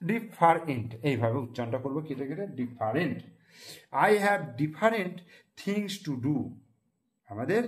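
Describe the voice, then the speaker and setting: A man tutoring young students, spelling words letter by letter and repeating them slowly. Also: on the high side. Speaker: math and English tutor.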